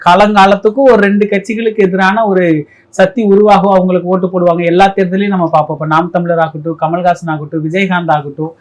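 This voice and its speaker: A man in an interview, explaining a point in a measured way. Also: sits high, level tone.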